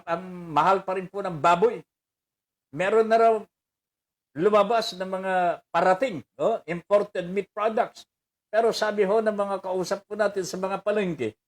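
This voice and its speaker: An older man with a Filipino accent, hosting a commentary show, reading viewer greetings aloud in a chatty way and laughing often. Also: high voice. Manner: chatty, laughs often, mixes in English phrases. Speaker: radio commentator host reading viewer messages. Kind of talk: casual on-air commentary.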